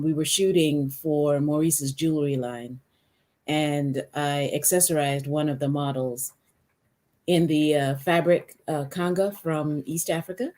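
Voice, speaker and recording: A woman artist originally from Kenya, answering interview questions on a video call in a measured, hesitant way. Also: sits low, mellow. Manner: measured, hesitant with many uhs. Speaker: artist guest.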